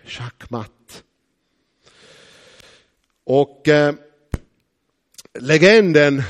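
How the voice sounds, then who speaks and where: A man from eastern Uusimaa preaching in a Finland-Swedish accent, with a voice of ordinary middle pitch. He delivers a storytelling sermon to his congregation. He leans hard on his key phrases and draws them out slowly.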